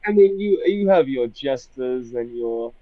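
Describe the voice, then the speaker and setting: A man playing a tabletop game over group voice chat on his phone, roleplaying a stiff, formal military officer with halting restarts. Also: medium pitch, expressive, no room sound. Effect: heard through group voice chat on a phone. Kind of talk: in-character roleplay and casual chat. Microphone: phone microphone. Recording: dull lo-fi voice chat audio, dry.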